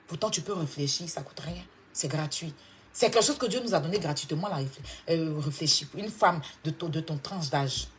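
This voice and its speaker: A woman from Côte d'Ivoire with an Ivorian French accent, delivering a confrontational, mocking monologue that swings from loud outbursts to low scolding. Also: a little hiss or hum. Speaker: online commentator. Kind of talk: heated clash monologue.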